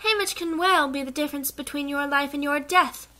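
A woman's voice: high voice, brisk, pushed and bright. A woman reading aloud voices a fussy, prim chaperone who scolds in a clipped, disapproving way.

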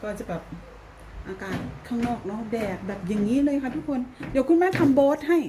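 A woman from Thailand vlogging at home as a mother, chatting and gently coaxing with lots of soft fillers. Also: fairly high pitch, expressive, fairly quick. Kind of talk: casual home vlog. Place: home in England. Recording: echoey room with background noise.

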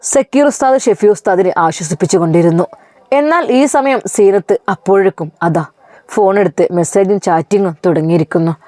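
A woman narrating an emotional religious family story in an expressive, lingering way. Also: medium pitch, fairly quick, no echo.

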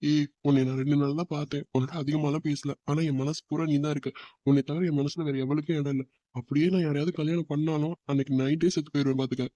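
A man's voice: a little high, flat delivery, quick pace, warm tone, no echo, dull audio, lightly acted. A man voicing a playful young man in a cartoon, coaxing and apologetic. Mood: teasing. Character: young man, teasing and pleading boyfriend. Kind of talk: cartoon voice acting.

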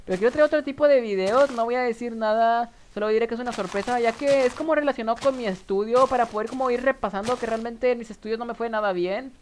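A man's voice: very high voice, fast, few pauses, slight background noise. A young man with a northern Mexican accent, chatting casually to viewers while streaming a game, rambling with nervous giggles. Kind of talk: casual live game commentary.

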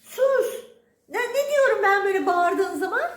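A woman's voice: very high voice, animated, normal speed, reverberant. A woman talking to her pet cats at home in a playful, teasing, scolding baby-talk voice. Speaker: cat vlogger. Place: home, indoors.

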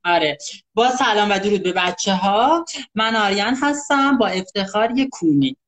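A man's voice: high voice, expressive, fairly bright tone. A male host of a live chat, teasing his guest in a mock-polite way.

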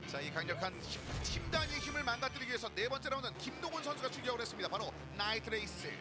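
A man's voice: extremely high pitch, lively intonation, rapid-fire. A man presenting as lead motorsport commentator in an emphatic broadcast delivery, handing over to his colleagues. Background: loud music bed.

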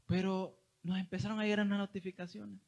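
The preacher is a young man from El Salvador with a Salvadoran Spanish accent, whose voice is high and gravelly and fast. He tells a testimony in his sermon with animated storytelling, often calling those listening brother.

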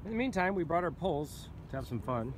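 Excitable man filming on a pier. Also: a little high, quick pace, background noise. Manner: excitable, exclaiming at finds. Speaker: vlog host filming. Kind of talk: casual outdoor vlog commentary. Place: outdoors on a waterfront pier.

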